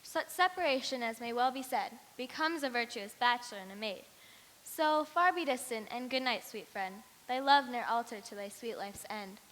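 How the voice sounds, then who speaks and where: A woman's voice: a little high, moderate pace, a bit bright, slight background noise, lightly acted. A woman playing an earnest young noblewoman in love in a school stage play. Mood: tender. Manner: earnest verse. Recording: echoey hall.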